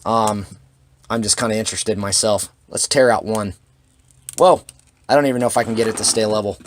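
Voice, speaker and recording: A man's voice: on the low side, steady tone, brisk, slight background noise. A man walking through a hands-on equipment demonstration, talking plainly with dry sarcastic asides. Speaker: shotgun reloading demonstrator.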